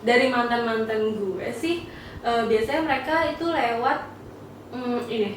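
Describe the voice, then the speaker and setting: A woman in her twenties co-hosting a casual podcast, easygoing and quick to agree. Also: on the high side. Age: 20s. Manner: easygoing, agrees a lot with short replies. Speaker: podcast co-host. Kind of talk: casual chat. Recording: echoey room, far from mic, faint noise.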